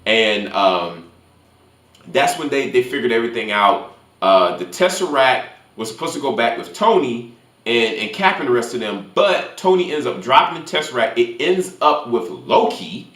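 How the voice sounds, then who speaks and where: Here a film review host speaks at a moderate pace, his medium-pitched voice animated and a bit bright, as he conversationally retells a movie with spoilers. Faint music and a roomy echo fill out the recording.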